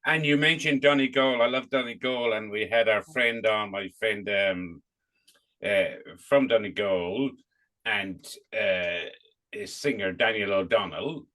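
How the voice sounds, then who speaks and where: A man's voice: lowish voice, unhurried, bright, forceful tone. A middle-aged man chatting casually as he hosts an interview. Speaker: podcast host.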